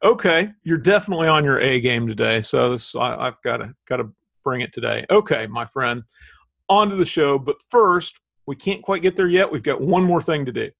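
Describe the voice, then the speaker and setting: A man's voice: mid-range voice, animated, moderate pace, creaky, fairly bright tone. A middle-aged man with a Southern Indiana Hoosier accent, talking casually and explaining things as a podcast co-host.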